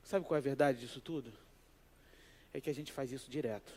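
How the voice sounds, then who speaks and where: A man, a pastor giving a sermon in an animated, conversational way and telling a personal story. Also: mid-range voice, fairly quick. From Brazil.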